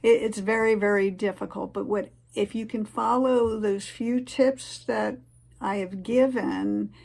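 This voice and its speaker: A woman's voice: mid-range voice, fairly even intonation, measured pace, vocal fry, darkish tone. A woman giving casual, earnest advice to the camera, rambling a little with fillers and restarts. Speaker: vlogger sharing tips.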